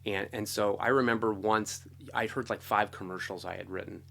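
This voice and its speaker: Telling stories as an interview guest, a middle-aged American man who composes for film and television rambles casually and enthusiastically, peppering his speech with "like" and "you know." His voice is lowish, gravelly and a bit bright, with fairly even intonation at a normal speed.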